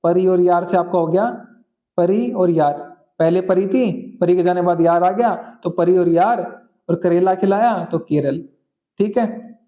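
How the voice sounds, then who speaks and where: A man teaching general-knowledge memory tricks, repeating key phrases slowly and often checking that students follow. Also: high-pitched, steady tone, highs cut off. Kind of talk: exam-prep lesson with memory tricks.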